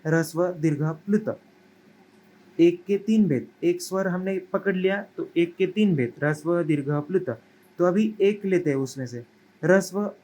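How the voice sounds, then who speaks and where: Male teacher, young, higher voice, explains step by step, asks the class questions. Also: a little mellow, poor audio. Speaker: Sanskrit teacher. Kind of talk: classroom lecture.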